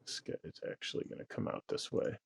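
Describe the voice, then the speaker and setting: A man running an online tabletop game as game master, muttering to himself over each move. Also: quick pace. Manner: muttering to himself while deciding moves.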